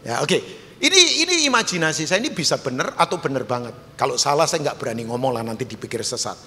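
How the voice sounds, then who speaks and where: A man pastor preaching a sermon in a church, animated and emphatic, joking with the congregation. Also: medium pitch, fast. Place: church hall. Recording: live church hall with long reverb.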